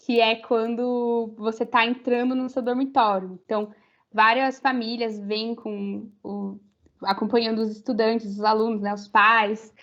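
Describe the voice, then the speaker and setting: On the high side and a bit bright, her voice stays flat and measured. A young Brazilian university student with a Brazilian Portuguese accent, she chats casually as a podcast guest, filling her talk with fillers and rambling restarts, in slightly muffled audio.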